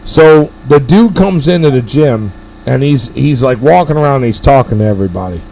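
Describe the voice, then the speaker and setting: A middle-aged man with a gravelly, creaky voice, swearing freely as he rambles through a story. He hosts a casual powerlifting live stream and hammers home his points with emphatic words. His pitch sits in an ordinary middle range. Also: lively intonation, brisk, dark tone, slight background noise.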